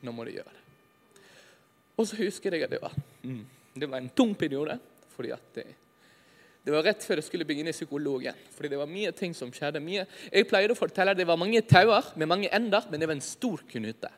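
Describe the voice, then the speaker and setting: A man tells his personal faith story with a lively, self-mocking energy, pitched a little high for a man. His voice rings out with a long reverb trailing behind it, as if he were speaking in a church hall. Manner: lively storytelling, often laughing at himself. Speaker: speaker giving a personal testimony.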